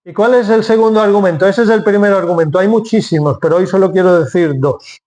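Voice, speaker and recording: A man's voice: high voice, quick pace, a little mellow. A man preaching a sermon from Spain, explaining step by step and asking then answering his own questions.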